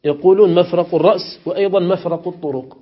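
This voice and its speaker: Sheikh teaching grammar, lo-fi recording. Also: male voice, sits high. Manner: questions students and repeats examples slowly. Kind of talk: classroom lesson explaining morphology.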